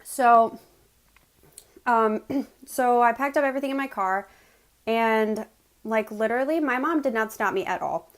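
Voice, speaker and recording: A woman from West Virginia with an American accent tells personal stories in a casual, chatty way to viewers, pausing to chew as she eats. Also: a little high. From West Virginia, United States. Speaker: mukbang host telling personal stories.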